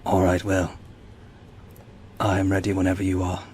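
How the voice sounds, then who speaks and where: A man's voice: monotone, moderate pace, a little mellow, a little hiss or hum. A man chatting casually over a game while speaking in a put-on army voice that his partner finds odd. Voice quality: low, unusual-sounding voice. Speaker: gamer streaming a multiplayer game. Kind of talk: casual gameplay commentary.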